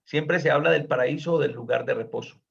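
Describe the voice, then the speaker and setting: A man's voice: mid-range voice, brisk, vocal fry. A man teaching a Bible study, explaining earnestly and stepping in to correct a student, on a dull lo-fi recording.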